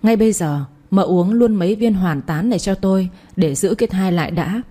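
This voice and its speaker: A woman voicing an elderly male village herbal doctor who speaks calmly and gravely. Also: mid-range voice, fairly quick, close to an everyday voice.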